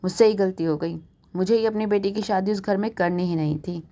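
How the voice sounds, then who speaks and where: A woman's voice: medium pitch, fairly quick, dark tone, close to an everyday voice. A woman doing a teasing middle-aged husband. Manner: joking, easygoing.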